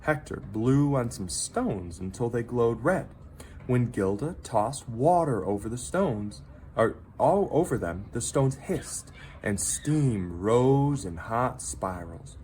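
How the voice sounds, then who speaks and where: Reading a picture book to children, the male teacher takes it slow and theatrical, swinging his pitch very lively and pausing for effect. Noticeable background noise runs throughout.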